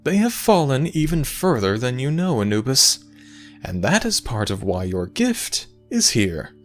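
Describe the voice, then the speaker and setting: A man voices an urbane, theatrical storytelling god in an audio roleplay, grand and deliberate with dramatic pauses. His medium-pitched delivery is sing-song and somber, with faint music behind it.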